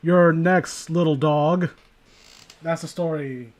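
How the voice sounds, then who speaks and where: A male host reads internet horror stories aloud and critiques them casually, his tone sardonic and punctuated by profane asides. His fairly high voice stays steady, and he reads at a slow pace.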